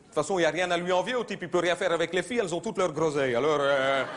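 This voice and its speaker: A man doing live stand-up comedy, mocking and conversational, now and then shouting in put-on voices. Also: a little high, racing. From Belgium. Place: theater stage before a live audience. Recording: live show recording with crowd noise. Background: audience laughter and applause.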